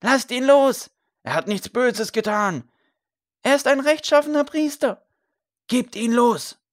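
A man voicing angry peasants yelling from a crowd. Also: extremely high pitch, unhurried, voice pushed up. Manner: yelling from far back.

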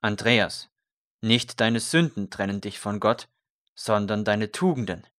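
A man's voice: on the low side, slow, no echo, studio quality. A man voicing a fervent male priest who urges a condemned prisoner toward faith with earnest intensity.

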